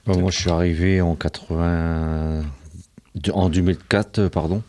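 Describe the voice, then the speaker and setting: A man's voice: deep voice, flat delivery, moderate pace, a little mellow. A man in his forties answering questions in a radio studio, plain and hesitant, correcting himself as he goes. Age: 40s. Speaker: interviewee. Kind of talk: radio interview.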